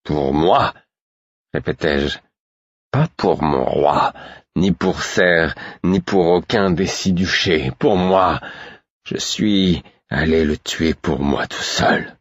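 A man's voice: extremely low pitch, a little slow, slightly rough, no room sound, clean studio sound, exaggerated voice. A man doing a bitter drunken young man. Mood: defiant. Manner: heavy, slurring defiance.

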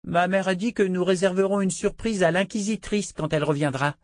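A man voicing a spoiled, cruel little girl princess who taunts and gloats in a raised, girlish pitch, read in a dry, close recording. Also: steady tone, brisk, dry recording, close to an everyday voice. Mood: gloating.

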